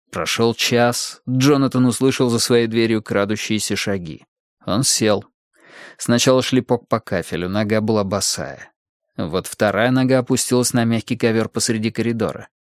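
Male audiobook narrator, measured, close dry mic. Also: lowish voice, dry recording. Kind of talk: scripted narration.

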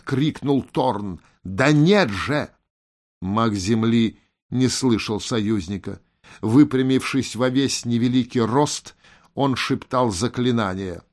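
A man narrating a fantasy audiobook in a steady, dramatic reading. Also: medium pitch.

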